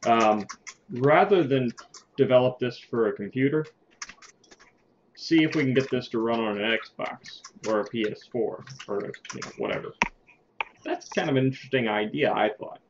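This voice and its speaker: A man runs an informal team meeting over a video call, thinking aloud with many restarts. His voice sits at a middle pitch. The call audio is muffled, with a faint hiss behind it. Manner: informal, halting, tallies votes aloud. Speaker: meeting leader. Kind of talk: casual online meeting.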